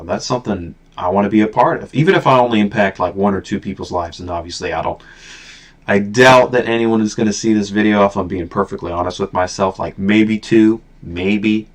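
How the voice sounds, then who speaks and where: Deep-voiced young man rambling earnestly. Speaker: YouTuber. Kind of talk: casual rambling vlog talk.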